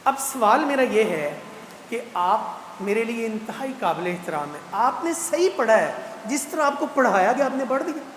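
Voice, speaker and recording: Man, mosque speaker, animated rhetorical style, echoey hall, faint background noise. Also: very high-pitched. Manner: animated, teasing rhetorical questions to the crowd. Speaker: guest speaker at a Quran completion gathering. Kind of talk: mosque talk.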